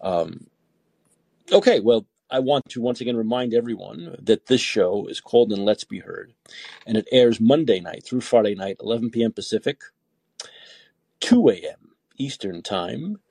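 A man hosting a call-in podcast, talking in a relaxed, rambling way. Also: medium pitch, moderate pace, vocal fry, breathy edge, no room sound. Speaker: podcast host. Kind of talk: call-in talk show.

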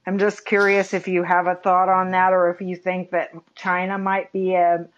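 Woman caller on a podcast, lowish voice, kinda hesitant and rambly. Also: monotone, normal speed, muffled recording. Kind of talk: call-in question.

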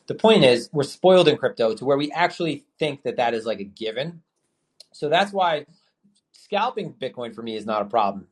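On a live call-in podcast, a man serving as host talks trading casually in a voice of medium pitch. He's hiccuping throughout, swears without much thought, and rambles along with lots of fillers and restarted sentences.

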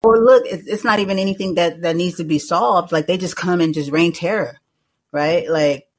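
A man's voice: high voice, moderate pace, low-quality recording. A young man hosting a live call-in podcast, talking loosely and rambling, with a lot of filler words and some swearing. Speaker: host.

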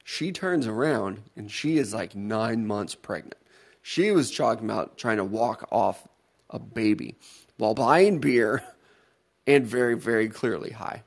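A man's voice: on the low side, expressive, measured pace, breathy edge. A man co-hosting a talk show, telling stories casually and bluntly, swearing freely. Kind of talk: casual banter and storytelling.

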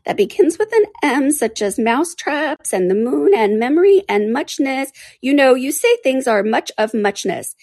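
A woman voicing a sleepy, sulky little dormouse in a storybook, hoarse and feeble. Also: high voice, big pitch swings, moderate pace, hardly any pauses, a little mellow, dry recording, clean studio sound, pitched above the performer's own voice, heavily acted. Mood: drowsy.

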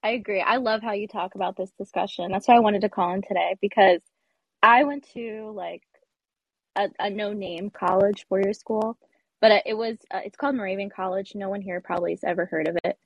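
A woman's voice: mid-range voice, steady tone, a little fast, creaky, husky, no room sound, poor audio. A young woman calling in to a talk show, talking casually with lots of "like" and "um". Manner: chatty, with frequent "like" and "um". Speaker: caller to a live-streamed talk show. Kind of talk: casual call-in chat.

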